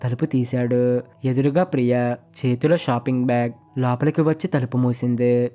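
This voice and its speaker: A man reading out a short story as scripted narration, in a measured, dramatic storytelling manner. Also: medium pitch, steady tone, mellow.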